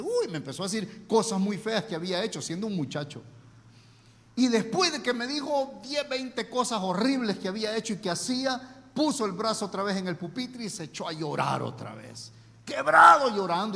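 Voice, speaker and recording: Preacher man, high voice, echoing hall. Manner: storytelling, emphatic with dramatic pauses. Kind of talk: sermon.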